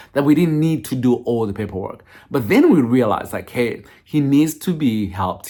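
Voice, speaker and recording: A man, around middle age, giving a candid personal update to viewers in an emphatic way, repeating phrases for stress. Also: mid-range voice. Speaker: foster parent vlogger.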